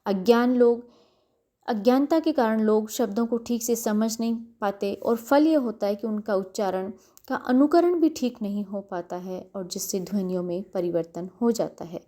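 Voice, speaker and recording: A middle-aged woman lecturing to university students in a calm, measured way. Her voice is mellow and warm, and she repeats words slowly to show how they are pronounced. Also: medium pitch. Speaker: college lecturer.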